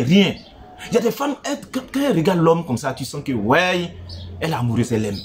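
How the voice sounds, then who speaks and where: A man delivers relationship advice as a teasing, playful monologue aimed straight at his listeners. His voice sits a little high and leaps around with very lively intonation. He moves from loud outbursts to low, quiet asides.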